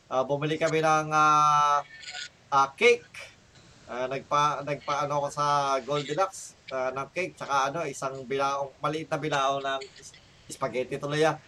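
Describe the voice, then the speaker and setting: A man's voice: fairly high pitch, little pitch movement, moderate pace, bright, forceful tone, a little hiss or hum. A middle-aged Filipino man hosting a casual podcast, rambling and laughing often. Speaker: podcast host.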